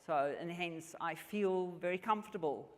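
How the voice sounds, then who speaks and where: A South African woman in her fifties, whose first language is Afrikaans, appears as a mining executive guest and answers interview questions earnestly and in a measured way, often restarting. She has a South African accent and a lowish voice. A long hall reverb comes from the large function hall she is in.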